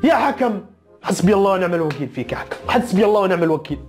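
A man doing casual football chat as a YouTuber, teasing and mock-scolding in an animated way. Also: high voice, rapid-fire, faint music behind. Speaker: football YouTuber reacting to results.

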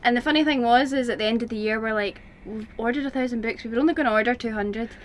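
A woman's voice: fairly high pitch, fast, slight background noise. A young woman chatting enthusiastically to viewers from inside a camper van, filmed on a camera held at arm's length. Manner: bubbly, enthusiastic. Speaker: vlogger. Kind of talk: casual vlog chat. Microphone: handheld camera at arm's length.

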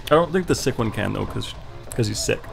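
A man co-hosting a casual let's play at a desk microphone, calmly explaining the game and swearing offhandedly. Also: fairly low pitch, brisk, creaky. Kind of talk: casual gameplay commentary. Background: game music.

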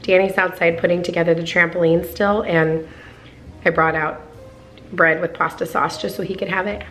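A woman's voice: on the low side, flat delivery, normal speed, fairly bright tone, faint music behind. A woman in her thirties chatting her way through a home cooking video, gushing over the food and filling her talk with "like" and "oh my goodness.". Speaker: cooking vlogger. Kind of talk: casual cook-along narration. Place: home kitchen, indoors.

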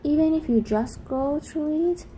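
Woman host, mellow higher voice, scripted walking-tour voice-over, faint hiss behind. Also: unhurried, rough recording. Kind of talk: scripted travel narration.

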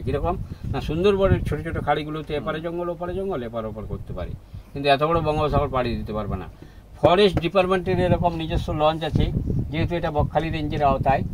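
This rough recording captures a man with a fairly high voice explaining things to a tour group on an open boat deck at sea. He lays out each point in turn, lecture-style, while wind and engine noise carry through.

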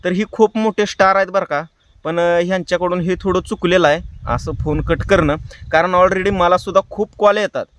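This prank call show host talks at a normal speed in a high, steady, slightly bright voice. His accent is rural Maharashtra Marathi, and he speaks casually to viewers, sprinkling in colloquial tag phrases.

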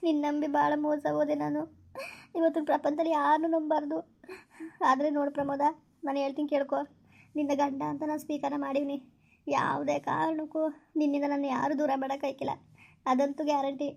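A woman's voice: high voice, completely flat delivery, fairly quick, gravelly, a little mellow. A woman playing a heartbroken young woman who pleads tearfully with her lover in a village skit, on a dull lo-fi recording. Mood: pleading. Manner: pleading, tearful, repeats please.

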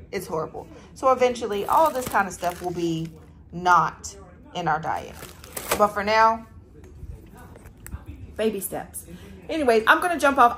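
A woman in her thirties filming a casual grocery haul vlog in her home kitchen, talking straight to her viewers on a phone camera held close. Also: mid-range voice. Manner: chatty, animated, talks straight to viewers. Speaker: family vlogger.

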